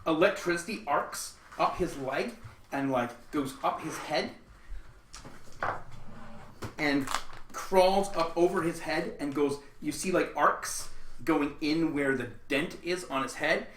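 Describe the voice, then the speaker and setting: A man's voice: fairly high pitch, slow, fairly bright tone. A man running a tabletop game, describing scenes in a rambling way full of fillers and restarts. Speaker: game master. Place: indoors at a gaming table. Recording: echoey room, far from mic, light hiss.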